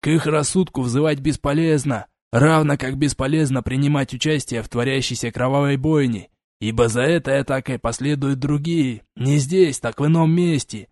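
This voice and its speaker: A man reading an audiobook voices an aged elf ambassador who lectures in a measured, condescending tone. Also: on the high side, darkish tone, dry recording, clean studio sound, pitched above the performer's own voice, natural voice.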